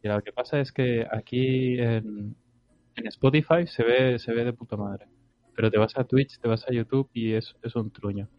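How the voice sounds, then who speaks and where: A man's voice: medium pitch, moderate pace. Guy cohost, kinda mumbly, dull muffled mic. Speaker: podcast co-host. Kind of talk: casual chat.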